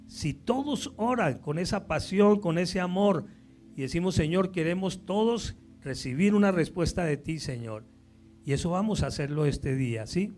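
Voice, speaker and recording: A man's voice: on the high side, dark tone. A male pastor preaching a sermon to his church, emphatic and often asking the congregation questions. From Colombia.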